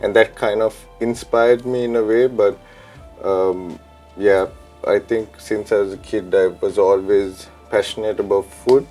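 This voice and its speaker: Sri lankan guy in his 30s, low mellow voice, laid back interview answers with lots of ums, lapel mic in a studio. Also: unhurried, faint music behind. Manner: relaxed and reflective, many ums and uhs. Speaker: chef and DJ, interview guest. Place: studio set with pink backdrop.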